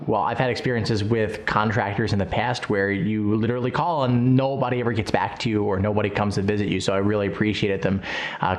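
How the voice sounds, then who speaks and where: A man giving a customer testimonial, speaking in halting, pausing phrases. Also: fairly low pitch. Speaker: satisfied customer.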